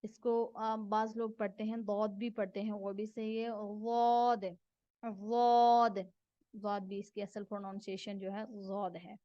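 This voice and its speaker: A woman teaches Quran reading step by step, patiently saying each letter sound several times over. Her mid-pitched voice is flat, moves at normal speed and barely pauses, captured in a dull, dry, close recording with no room sound.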